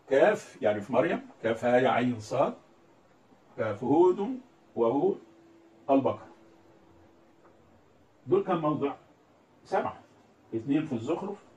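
A man's voice: mid-range voice, darkish tone, muffled recording. A man with an Egyptian Arabic accent teaching a religious lesson, explaining step by step and quoting verses in a recited tone. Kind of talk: religious lesson on Quran readings and script. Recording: echoey room, voice from a distance.

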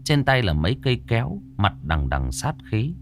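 A man narrating a scripted horror story in a dramatic, expressive way. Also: medium pitch, normal speed, faint music behind.

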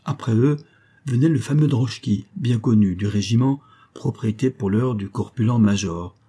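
A man reading a classic story aloud as a narrator, in measured, even storytelling. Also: mid-range voice, slightly rough. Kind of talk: scripted audiobook narration.

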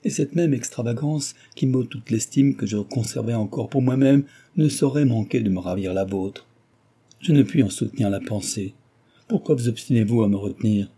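A man's voice: moderate pace, dark tone, slightly rough. A male audiobook reader voicing a proud, distressed young woman heiress, pleading and emotional in tone. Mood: ashamed, agitated. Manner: pleading, emotional, high-strung. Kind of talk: audiobook reading.

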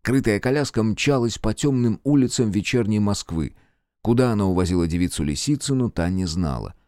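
A man narrating an audiobook in a measured storytelling manner. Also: fairly low pitch, animated, a little mellow, dry recording, clean studio sound. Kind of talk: scripted narration.

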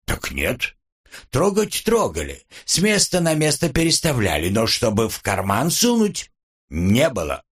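A man's voice: medium pitch, wildly swooping pitch, unhurried, husky, pitched above the performer's own voice, full character voice. A man voicing a fussy, folksy old male house spirit in an audiobook, grumbling and chatty. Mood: pleased. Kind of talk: audiobook character reading.

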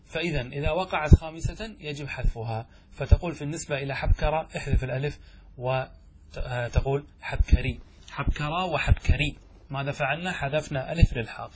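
A man's voice: fairly high pitch, a little fast, background noise. A middle-aged man teaching Arabic grammar in a classroom lecture. He explains step by step and keeps asking the class checking questions.

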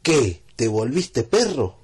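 A man voicing an excitable young male foal in a storybook tale, with high, loud exclamations. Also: measured pace, breathy edge, heavily acted. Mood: excited.

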